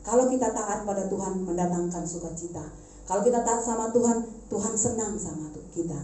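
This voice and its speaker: A woman preaching a sermon in a conversational, animated way, turning to the congregation with asides. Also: medium pitch, fairly quick, slight background noise. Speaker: preacher, schoolteacher. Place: church service. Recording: echoey church hall.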